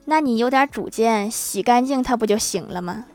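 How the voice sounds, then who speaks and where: Brisk woman narrating comic anecdotes. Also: fairly high pitch, music in the background. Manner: brisk storytelling with laughing punchline asides. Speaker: host. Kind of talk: scripted joke narration.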